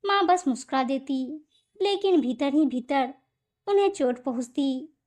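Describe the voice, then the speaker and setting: A woman narrating a scripted moral story with a steady, even reading. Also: high voice, measured pace.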